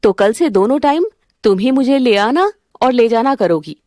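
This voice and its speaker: A woman voicing a brisk, friendly working woman customer in a cartoon story. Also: a little high, animated, darkish tone, no echo, clean studio sound, lightly acted.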